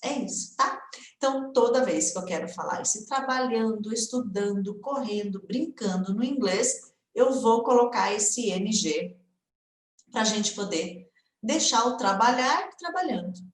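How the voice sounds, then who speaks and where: A woman teaching an English lesson on a live stream, talking to viewers in a lively, chatty way and modeling phrases. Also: on the high side, measured pace. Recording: echoey room.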